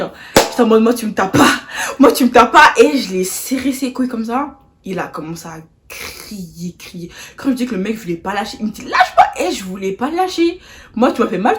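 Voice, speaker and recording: A young adult woman vlogger telling a storytime while eating. She talks in animated, slangy bursts, sometimes with her mouth full, and acts out the people she quotes, swinging from loud to soft. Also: mid-range voice, background noise. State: mouth full of food at times.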